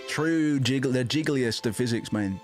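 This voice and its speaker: A man's voice: medium pitch, moderate pace. A man streaming a game, giving casual, profane commentary between bits of voiced dialogue. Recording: faint music behind voice.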